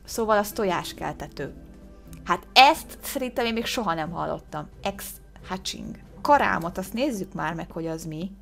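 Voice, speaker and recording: Over soft background music, a gaming video host with a fairly low, gravelly voice chats casually. She exclaims and gasps excitedly as she tries her guesses and pronounces English words hesitantly.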